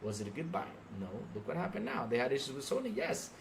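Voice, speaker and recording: Ranting to a live chat about gaming, a middle-aged podcast host sounds gravelly and quick, his medium-pitched voice swinging widely in pitch. He's emphatic and sarcastic, mimicking fans mockingly, and the recording quality is low.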